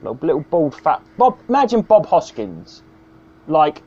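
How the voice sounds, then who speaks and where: A man's voice: on the high side, huge pitch swings, normal speed, warm tone, husky. A man, a stand-up comedian telling a sweary, rambling anecdote on a podcast. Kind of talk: casual storytelling. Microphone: video call. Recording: dull lo-fi video call audio.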